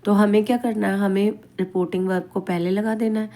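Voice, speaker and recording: A woman teaching English grammar in a classroom-style lesson, explaining step by step, asking questions and answering them herself with a frequent "right?", and reading English example sentences slowly. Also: medium pitch, level tone, dark tone.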